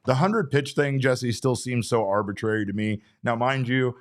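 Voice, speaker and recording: A man's voice: medium pitch, moderate pace. A man in his forties hosting a casual sports talk show, rambling and breaking off his own sentences. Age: 40s. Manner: rambling, self-interrupting. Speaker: podcast host.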